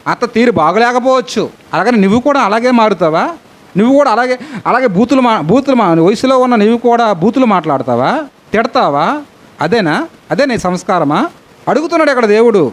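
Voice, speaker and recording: A middle-aged man teaching a Bible lesson as a sermon, lively and full of rhetorical questions. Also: high voice. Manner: animated, asks many rhetorical questions.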